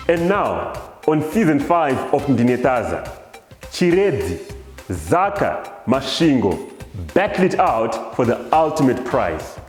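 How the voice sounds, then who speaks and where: A man's voice: mid-range voice, a little mellow. A man announcing a TV game show with dramatic, punchy scripted narration. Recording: echoey, reverberant hall with music under.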